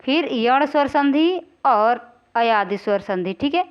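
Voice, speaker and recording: A woman teacher going through exam questions, explaining slowly, repeating and drawing out key words, and often asking if the class follows. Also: sits high, lively intonation, clean tone. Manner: keeps checking understanding with rhetorical questions. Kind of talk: exam-prep grammar lesson. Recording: slightly dull, lo-fi audio.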